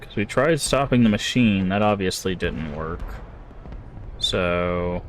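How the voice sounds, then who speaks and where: Male gamer, lowish voice, relaxed playthrough commentary over audible background noise. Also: slow pace. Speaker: video game player commentator. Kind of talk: casual gameplay commentary.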